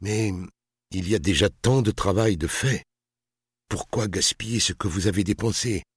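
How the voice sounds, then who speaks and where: A man voicing a tense middle-aged master builder who keeps a forced calm. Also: fairly low pitch, moderate pace, slightly rough, no echo, studio quality, voice pushed up.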